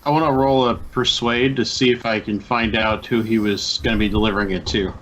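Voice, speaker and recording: A man's voice: lowish voice, steady tone, a little fast, a bit bright, rough recording. A man playing a tabletop game, hesitantly improvising casual role-play as he feels out his words. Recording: faint background noise with clicks.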